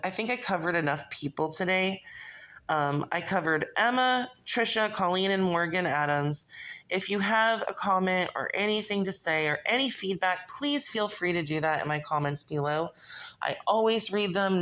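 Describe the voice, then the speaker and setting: A woman's voice: low-pitched, fairly bright tone. A woman vlogging her opinions casually, rambling and restarting her sentences, direct and opinionated. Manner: rambling, with frequent restarts and filler words. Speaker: commentary vlogger.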